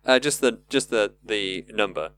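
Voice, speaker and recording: A man's voice: fairly low pitch, lively intonation, moderate pace, fairly bright tone, smooth. A male podcast host chatting casually in an enthusiastic, rambling way, with lots of fillers. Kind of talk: casual chat.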